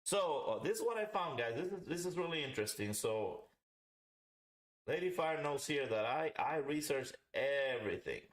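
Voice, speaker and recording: On a relaxed livestream reviewing pipe tobacco, this man wanders through his explanations and says things twice to drive them home. His voice is on the high side, with lively intonation and a normal speed, recorded in an echoey home room.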